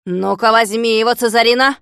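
A woman's voice: mid-range voice, steady tone, normal speed, no echo, studio quality, lightly acted. A woman voicing a furious bald rich male landowner who screeches orders and insults in a storybook reading. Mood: shrieking furious. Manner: screeching, ranting, bossy insults. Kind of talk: audiobook character voice.

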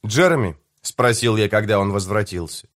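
A man giving a measured, deliberate first-person reading of a novel as an audiobook narrator. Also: medium pitch, lively intonation, fairly bright tone, no echo, studio quality.

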